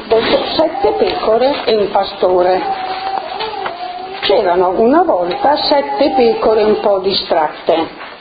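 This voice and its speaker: A woman's voice: mid-range voice, big pitch swings, slow pace. Woman leading a group activity. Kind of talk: giving instructions and reading a fable. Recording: muffled with faint noise.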